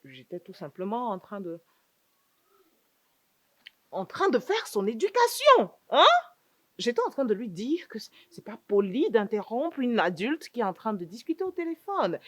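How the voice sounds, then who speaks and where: A woman's voice: fairly high pitch, very animated, normal speed, a little mellow, no room sound. A young woman playing a sassy, scheming younger aunt in a sitcom, needling everyone with rhetorical questions and repeated "hein". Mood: defensive. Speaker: sitcom actress. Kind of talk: comedic sitcom acting.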